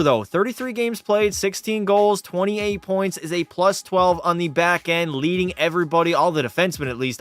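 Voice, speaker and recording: A young man from Canada streams a hockey game live, trading loose, foul-mouthed banter and reading viewers' messages aloud. His voice is fairly high, clear and resonant.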